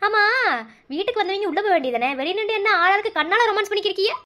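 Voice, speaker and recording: A woman's voice: very high-pitched, lively intonation, rapid-fire, pushed and bright, full character voice. A woman voicing a bossy, teasing woman official in a cartoon, speaking with a Madurai Tamil accent in a brash, scolding way. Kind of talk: cartoon voice acting.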